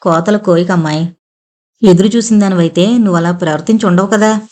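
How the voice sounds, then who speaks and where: A woman's voice: on the low side, fairly quick, a little mellow, close to an everyday voice. Woman voicing a young husband, playful, teasing, affectionate, storybook reading. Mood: tender.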